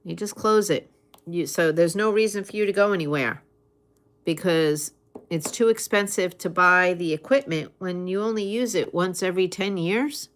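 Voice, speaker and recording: A woman chatting casually in an unhurried, conversational way, with pauses as she replies to listeners. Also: on the low side. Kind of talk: casual chat.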